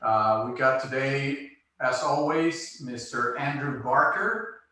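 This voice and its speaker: A man's voice: mid-range voice, slow, sharp tone. A male podcast host chatting in a laid-back, self-deprecating way and laughing easily. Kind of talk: casual chat. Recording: very echoey room, far from the mic, faint noise.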